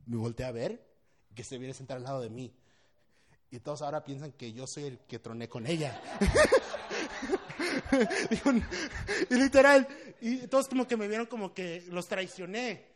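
Animated Mexican pastor, fairly high voice. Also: male voice, normal speed. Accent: Mexican Spanish. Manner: animated, humorous, laughs often, mixes in English slang. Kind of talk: storytelling sermon.

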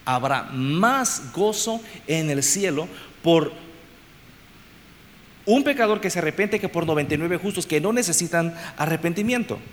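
Male preacher, expository sermon, emphatic and repetitive, fairly high voice, long reverb, faint hiss. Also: expressive, a little slow. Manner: emphatic, repeats phrases, swings between loud and soft.

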